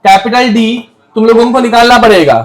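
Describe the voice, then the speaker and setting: A man's voice: extremely high pitch, brisk. A young Indian man with an Indian English accent teaching chemistry to a class, scolding talkers and dictating notes word by word. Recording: echoey classroom.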